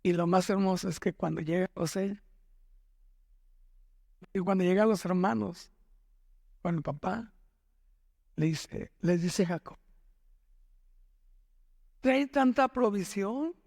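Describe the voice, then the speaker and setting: Pastor guy preaching slow n dramatic, really high voice, big echoey church. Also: fairly even intonation, gravelly, warm tone. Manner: dramatic, acts out the characters' words, slow emphatic delivery. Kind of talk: Father's Day sermon, retelling Bible story. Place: church hall. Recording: reverberant church hall.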